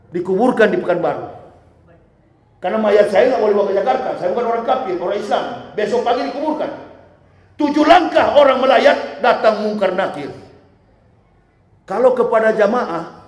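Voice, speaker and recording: A man in his fifties preaching a lively, joking sermon in a mosque, swinging between shouts and quiet asides. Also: high-pitched. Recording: echoey hall.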